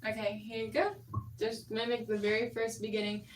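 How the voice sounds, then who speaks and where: A woman's voice: fairly high pitch, level tone, brisk. Patient young woman coaching, echoey room. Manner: patient, explaining technique with fillers. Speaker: vocal coach. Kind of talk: singing lesson instruction. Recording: roomy, distant mic, faint music.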